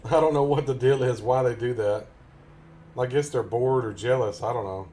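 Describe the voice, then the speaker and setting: With slight background noise, a man speaking with a Tennessee Southern accent jokes and rambles casually with game stream viewers, chuckling often. His voice is warm and medium-pitched, at a moderate pace.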